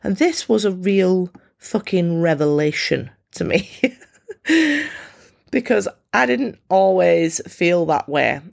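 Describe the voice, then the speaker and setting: A woman hosting a solo self-help podcast, talking candidly and encouragingly in a croaky, froggy voice with a congested nose. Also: low-pitched. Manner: candid, informal, encouraging, swears freely. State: congested, snotty nose from a cold. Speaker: podcast host.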